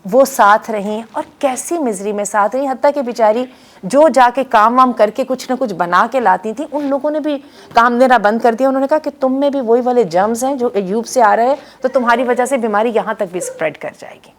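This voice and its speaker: A woman delivering an Islamic storytelling lecture as a religious teacher, telling the story in an animated way, mixing in English words and reciting Quranic Arabic verses. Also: on the high side.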